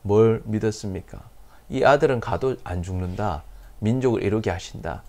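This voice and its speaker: A man's voice: on the low side, moderate pace, warm tone. A male pastor delivering a sermon, posing rhetorical questions and answering them himself, with repeated blessings.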